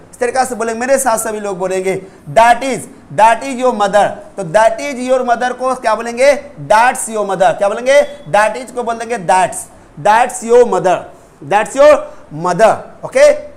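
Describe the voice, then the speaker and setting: Brief: man, Indian teacher, fairly high voice, slow repeated drills, greets viewers by name. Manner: drills phrases slowly, repeating each several times; calls on viewers by name in a friendly way. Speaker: spoken English teacher. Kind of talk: live online class, mixing Hindi and English.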